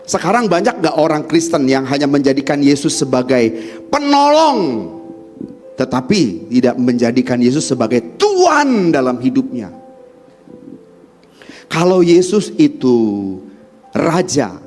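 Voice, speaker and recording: A man preaching a church sermon, swinging from shouting to near-whispers and calling the congregation to answer amen. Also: medium pitch, sing-song, a little slow, pauses often, soft background music. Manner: asks the congregation questions and calls for amens. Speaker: pastor. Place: church during a Sunday service.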